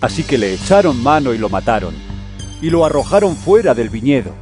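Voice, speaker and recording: An actor playing Jesus as an earnest, firm teacher with solemn, declamatory delivery in a scripture audio drama. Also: male voice, mid-range voice, very animated, fairly quick, lightly acted. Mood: solemn storytelling. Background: music.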